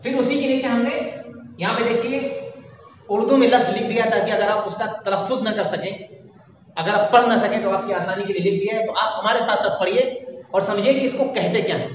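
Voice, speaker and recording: Man, high voice, English teacher, repeats each letter, far from mic, dull lo-fi sound. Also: heavy reverb, big-room sound, a little hiss or hum. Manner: slow, repeats each letter several times. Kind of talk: classroom lesson at a board.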